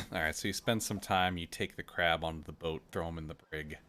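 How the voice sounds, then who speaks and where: A man's voice: deep voice, brisk, a bit bright, slight background noise. A man improvising narration as game master of a tabletop game.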